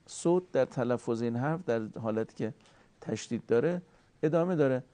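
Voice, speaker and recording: A man giving a formal recitation lesson, courteous and deliberate, slowly drawing out sounds to show how they are made. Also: mid-range voice, warm tone, no echo. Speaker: Quran recitation teacher.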